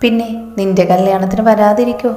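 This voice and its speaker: A man's voice: high-pitched, fairly even intonation, fairly quick, mellow, close to an everyday voice. A woman doing a teasing older uncle. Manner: teasing, fatherly. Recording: echoey room with long reverb.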